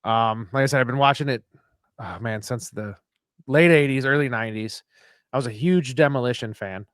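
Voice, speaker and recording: A man in his forties hosting a podcast, telling stories in a casual, animated way. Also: mid-range voice, moderate pace, clear, resonant tone, no room sound, studio quality. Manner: animated storyteller, acting out quotes. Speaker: podcast host.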